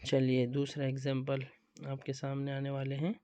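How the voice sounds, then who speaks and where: Speaking at medium pitch with a completely flat delivery, this man has a warm, clear, resonant tone. He patiently teaches Quran recitation rules online, repeating points about on-screen examples and using tag questions to make sure students understand.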